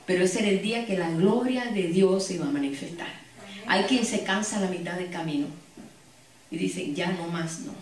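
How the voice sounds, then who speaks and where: A woman's voice: on the low side, moderate pace. A woman preaching a sermon and telling stories to her congregation with frequent asides. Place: church hall. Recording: echoey hall, distant mic.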